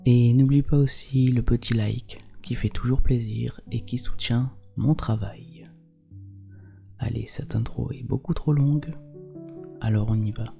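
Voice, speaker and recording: A man hosting a podcast, telling a story in a calm, soothing way and dropping in wry little asides. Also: medium pitch, measured pace, creaky, faint music behind. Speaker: podcast host. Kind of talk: relaxing storytelling narration.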